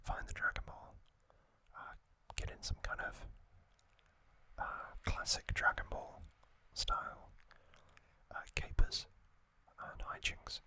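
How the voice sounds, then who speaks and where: A man who hosts an ASMR trivia channel whispers a relaxed, unhurried explainer in a hushed voice.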